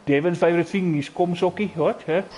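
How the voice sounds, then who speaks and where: A man's voice: sits high, fairly even intonation, fairly quick, dark tone, slight background noise. A South African man with an Afrikaans accent, giving casual live commentary on a sim racing stream. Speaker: esports race commentator.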